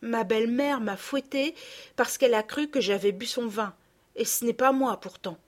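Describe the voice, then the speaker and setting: A woman voicing a timid, hurt little girl who speaks softly and hesitantly in an audiobook. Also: a little high, moderate pace, voice pushed up, natural voice. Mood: subdued. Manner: soft, hesitant, pleading. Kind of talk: audiobook character reading.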